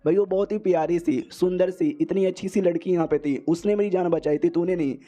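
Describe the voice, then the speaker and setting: A man's voice: sits high, steady tone, fairly quick, dark tone, lightly acted. A man voicing a brash, foul-mouthed young fox girl. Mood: angry. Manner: crude, brash scolding. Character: hot-tempered young female fox spirit.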